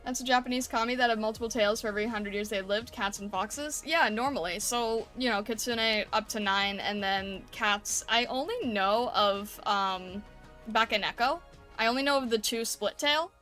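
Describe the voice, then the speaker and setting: A woman's voice: on the high side, normal speed, fairly bright tone. A woman livestreamer talking casually and conversationally with her viewers, often seeking agreement with tag questions. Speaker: streamer hosting an art livestream. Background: background music.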